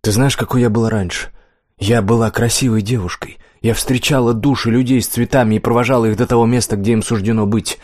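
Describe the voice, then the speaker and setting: A man voicing Death as a hooded old woman, weary and bitter, who speaks quietly with a hiss and breaks into angry accusations in an audiobook. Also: medium pitch, fairly even intonation, fast, no room sound, clean studio sound, lightly acted. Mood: accusing. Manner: quiet, hissing menace rising to angry outbursts. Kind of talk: audiobook character reading.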